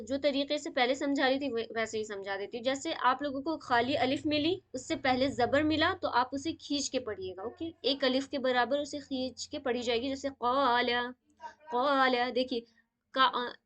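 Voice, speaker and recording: Woman, high voice, tajweed teacher, live online class, video call, checks in often, mixes in English words. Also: fairly bright tone.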